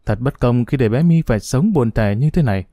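A man's voice: mid-range voice, expressive, fairly quick, warm tone, no echo, clean studio sound. A man reading a first-person story aloud in an earnest, scripted narration.

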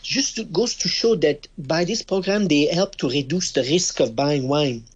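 A man with a French-Canadian accent talks through a dull, muffled phone line. His voice is husky and a little breathy. He pauses often with "uh" and restarts his phrases as he explains. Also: on the high side. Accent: Québécois French. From Quebec, Canada. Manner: hesitant, many "uh" and restarts. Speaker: wine business guest. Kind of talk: radio interview over the phone.

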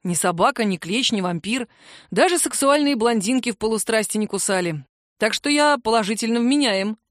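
A woman's voice: on the high side, animated, normal speed, no echo, clean studio sound, natural voice. A woman reading a story, voicing a cheerful, pushy young man who teases his friend awake. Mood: smug.

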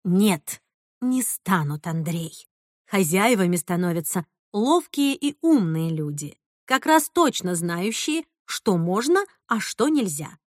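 A woman's voice: on the low side, big pitch swings, slow, dry recording, studio quality. A woman voicing a stern older grandmother who speaks in a clipped, firm, lecturing manner in an audiobook. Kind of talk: audiobook character reading.

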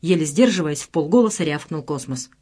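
A woman narrating an audiobook with expressive delivery, voicing every character herself. Her pitch is lively and animated, rising and falling through the sentences. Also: brisk, slightly rough. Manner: expressive, reads all characters.

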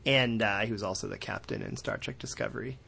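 A man casually recapping a cartoon episode, acting out the characters' lines in quick voices and laughing often. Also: fairly low pitch, gravelly, breathy edge. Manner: animated retelling, acts out quotes in quick voices. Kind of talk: casual chat.

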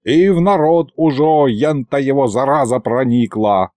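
Man doing a folksy storybook grandpa, grumbling, warm-toned and dry. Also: mid-range voice, measured pace, dry recording, lightly acted.

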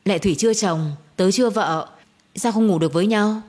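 A cold, manipulative young man, read by a woman narrator, speaking calmly and smugly in an even tone. The husky, breathy voice stays flat and unbothered. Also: medium pitch, fairly quick, lightly acted. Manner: calm, smug, flat.

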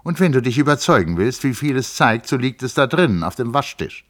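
A man's voice: mid-range voice, big pitch swings, fairly quick, pitched above the performer's own voice, natural voice. A man voicing a stubborn, mildly mocking young engineer who argues precisely and a little sluggishly, in a literary audiobook reading. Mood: insistent, mocking. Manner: precise, argumentative, slightly sluggish.

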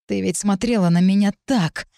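A woman's voice: mid-range voice, moderate pace, creaky, dark tone, no room sound, clean studio sound, lightly acted. Woman playing a volatile, desperate young man. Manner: pleading then menacing, tense.

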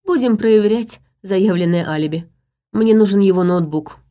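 A woman's voice: mid-range voice, normal speed, dark tone, natural voice. A woman voicing a matter-of-fact female police officer, in an audiobook. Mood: businesslike.

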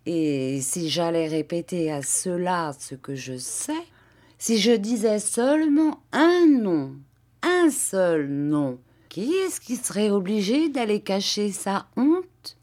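A woman's voice: mid-range voice, big pitch swings, slow pace. Woman doing Garofoli, a cruel sugary-voiced master. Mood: sly mocking. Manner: soft, mocking menace.

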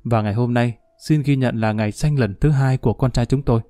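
A man's voice: mid-range voice, fairly quick, warm tone, no echo, studio quality, lightly acted. A man voicing a grateful, emotional middle-aged doctor who speaks earnestly and formally. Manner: earnest, formal, effusive thanks.

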